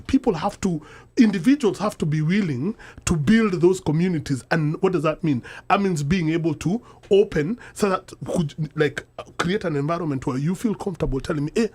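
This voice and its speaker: In a lively panel discussion, this husky-voiced, middle-aged Kenyan podcast host (also a panel guest) talks quickly with a lively pitch. He blends English and Sheng Swahili mid-sentence, telling stories emphatically and making his case with rhetorical questions.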